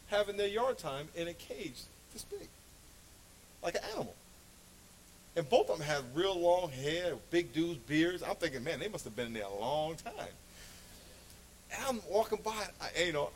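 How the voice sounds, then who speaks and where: Repeating phrases for emphasis, a male preacher with a fairly high-pitched voice gives an animated, story-driven sermon in a conversational tone. There is slight background noise, and the recording is of low quality.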